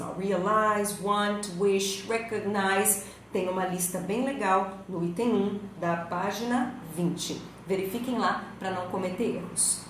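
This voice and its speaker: Brazilian woman teacher going through english grammar step by step, asks the class questions, really echoey room w a bit of hiss. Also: medium pitch. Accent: Brazilian Portuguese. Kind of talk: recorded school lesson. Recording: very echoey room, faint noise.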